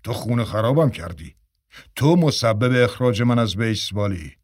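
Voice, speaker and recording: A bitter former ballplayer, voiced by a man, threatens in a cold and steady tone. He is a radio-drama heavy with a grudge. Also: fairly low pitch. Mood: menacing. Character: bitter angry male ex-ballplayer.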